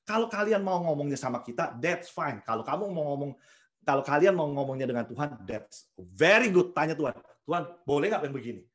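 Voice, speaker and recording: A man with an Indonesian accent preaches in a relaxed, conversational way, slipping English phrases into his sermon. His voice sits high for a man, and he jumps up even higher when he acts out people praying. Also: a little fast. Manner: mixes English phrases into casual preaching, acts out prayers animatedly. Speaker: pastor. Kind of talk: sermon over video call.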